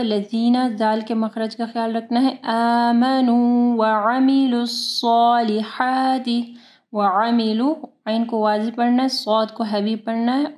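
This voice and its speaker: Female tajweed teacher, higher voice, flat even delivery, slow recitation between explanations. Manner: patient step-by-step explanation, slow drawn-out recitation of verses. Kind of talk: recitation lesson.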